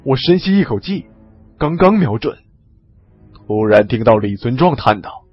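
A man narrating a story in the first person, with lively, expressive storytelling. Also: medium pitch, moderate pace, slightly rough, lo-fi sound, soft background music.

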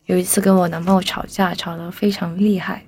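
A woman's voice: fairly low pitch, fairly quick, husky, soft background music. Young woman telling a personal story. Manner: lively, animated, briefly voices the people she quotes. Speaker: storyteller guest.

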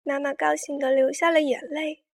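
Storyteller: woman, high bright register, gentle children's picture-book narration, coaxing tone. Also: flat delivery, normal speed, gravelly. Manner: warm, coaxing tone addressing children.

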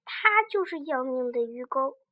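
An earnest little fish hurries to warn everyone, with a high, bright storybook voice, as a woman reads it. The words come out slowly and carefully. The sound is dry and close. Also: animated, no echo, highs cut off. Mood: urgent. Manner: urgent, pleading. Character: small young fish, earnest and eager to warn others.

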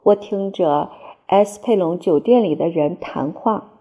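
A woman reads a classic novel in the first person, measured and expressive. Her tone is mellow and dark, with a husky, breathy grain. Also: fairly low pitch. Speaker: audiobook narrator. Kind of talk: literary audiobook narration.

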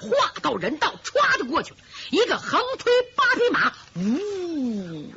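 高亢生动的女评书艺人. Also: female voice, high-pitched, unhurried, slight background noise. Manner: lively, dramatic, vivid sound effects. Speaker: storyteller. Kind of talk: pingshu storytelling. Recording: lo-fi muffled recording.

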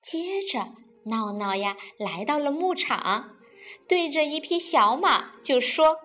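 A woman reading a children's picture book aloud in a playful, animated way. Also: high voice, slow, faint music behind. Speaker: storyteller.

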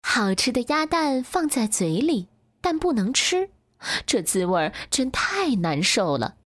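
Slow, lively woman reading a bedtime story. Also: a little high, dry recording, studio quality. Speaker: children's story reader.

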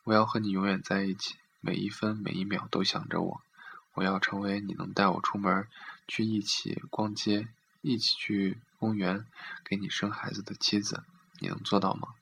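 A man's voice: lowish voice, flat delivery, moderate pace, creaky, a bit bright, a little hiss or hum. A man voicing a heartbroken young man who turns cold and defiant toward his lover. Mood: bitter. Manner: cold, reproachful.

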